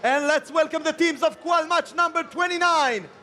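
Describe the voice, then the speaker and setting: A man working as an event MC, hyping up the arena and calling out teams with loud, drawn-out shouts. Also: very high voice. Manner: shouting, drawn-out hype calls. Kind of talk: hyped arena announcing. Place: large indoor competition arena. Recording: noisy arena with ambience.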